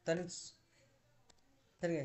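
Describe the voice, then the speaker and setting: Man drilling verbs in a live class. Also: a little mellow. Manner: explains slowly, drills verb forms aloud with rhetorical questions. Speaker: language teacher. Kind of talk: online language class.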